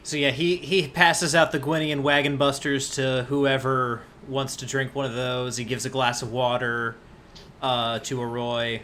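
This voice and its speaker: A man's voice: mid-range voice, flat delivery, measured pace, sharp tone, slight background noise. A man working as game master, narrating a tabletop game in a casual way.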